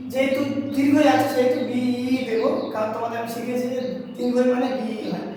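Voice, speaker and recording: A woman teacher giving a grammar lesson to schoolchildren in a classroom, explaining slowly and repeating herself as she spells out letters. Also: high voice. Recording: echoey hall, far from mic, faint noise.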